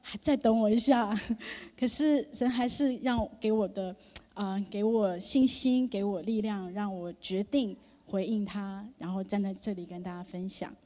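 A woman's voice: mid-range voice, warm tone. Earnest woman sharing testimony in a reverberant hall. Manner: earnest, emotional, halting with frequent fillers. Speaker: church member giving testimony. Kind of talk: personal testimony to a congregation. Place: church sanctuary. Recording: long reverb of a large hall.

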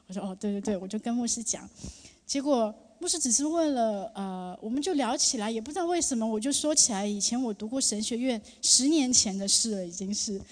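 A woman in her thirties giving a personal testimony to a church congregation, speaking earnestly with emotion and halting often with fillers. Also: a little high, expressive, darkish tone. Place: church sanctuary. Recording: long reverb of a large hall.

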